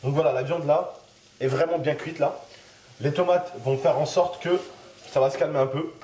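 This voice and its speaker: A man's voice: on the high side, steady tone, normal speed, mellow. A man hosting a casual cooking demonstration, chatty and joking as he talks straight to the viewers, with a pan sizzling. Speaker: cooking video host. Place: home kitchen. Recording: roomy kitchen with frying noise.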